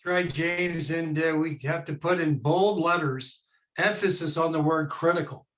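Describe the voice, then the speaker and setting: A male host with a fairly high voice leads a conversation over a video call. He speaks in a measured way, pausing often on "uh" and "um" as he sets up questions for his guest. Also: a bit bright. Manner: measured, with frequent "uh" and "um" fillers. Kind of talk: hosted conversation.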